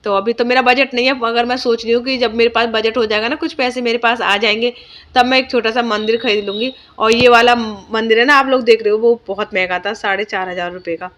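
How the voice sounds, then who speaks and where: A woman's voice: fairly high pitch, steady tone, a little fast, fairly bright tone, muffled recording. A young woman vlogger, narrating her day in a chatty, homely way with lots of fillers. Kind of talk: casual vlog voice-over narration.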